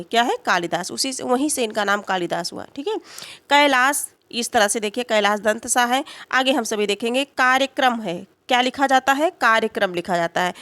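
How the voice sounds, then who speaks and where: A woman teaching grammar for exams, who explains slowly, poses questions and answers them herself, and keeps checking in with her students. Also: a little high, a bit bright, no room sound. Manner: frequent "है ना" check-ins and "अ" fillers. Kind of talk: exam-prep grammar lesson.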